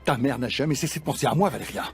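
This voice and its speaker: An actor in a French-dubbed telenovela playing a sadistic, threatening villain who holds women hostage and taunts them. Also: male voice, medium pitch, animated, racing, vocal fry. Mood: menacing, gloating. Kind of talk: dubbed telenovela melodrama acting. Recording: dramatic music behind.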